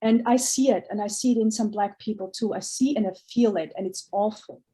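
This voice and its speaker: A woman's voice: medium pitch, brisk, dark tone. A woman from Austria talking as a guest artist in an interview, earnest and searching, often restarting her sentences. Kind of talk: casual interview talk.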